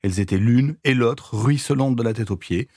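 A man reading a classic novel aloud with measured, expressive storytelling. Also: medium pitch, slightly rough, dry recording, studio quality. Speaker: reader.

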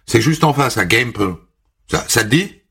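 A man's voice: medium pitch, animated, normal speed, vocal fry, sharp tone, slightly rough, heavily acted. Man doing a stammering friendly neighbor. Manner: stammering, casual invitation. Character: friendly young male neighbor, hesitant.

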